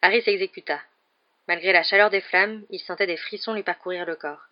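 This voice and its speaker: A woman with a lowish voice narrating a storybook, calm and even. The recording is dull and lo-fi. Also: brisk. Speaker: audiobook narrator. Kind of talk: scripted narration.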